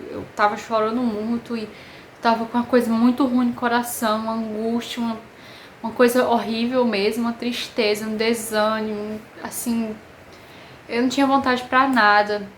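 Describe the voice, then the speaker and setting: A woman with a Brazilian Portuguese accent, telling a personal story to camera in an emotional, halting way with many pauses. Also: on the high side, little pitch movement, a little hiss or hum. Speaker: vlogger. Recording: echoey room with faint ambience.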